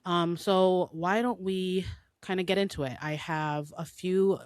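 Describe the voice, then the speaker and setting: A woman's voice: lowish voice, fairly even intonation, measured pace, no echo. A woman in her thirties hosting a solo podcast in a chatty, informal way, sounding a little congested from a cold, with frequent ums and likes. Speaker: podcast host and health coach. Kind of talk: casual solo podcast talk.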